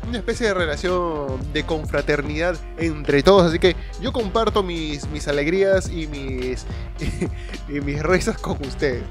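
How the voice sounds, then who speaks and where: A young man comments casually on a video he is watching. His voice sits a little high and he sounds amused and animated, often repeating himself. Music is clearly audible behind him. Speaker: reaction video host.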